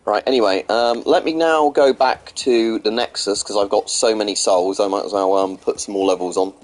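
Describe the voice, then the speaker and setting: Playing a video game live, a male streamer speaks in a lowish voice at a moderate pace, casually chatting with his audience. He answers chat in between gameplay remarks in a rambling, hesitant way, with many ums and restarts, and sounds slightly congested with a sore throat.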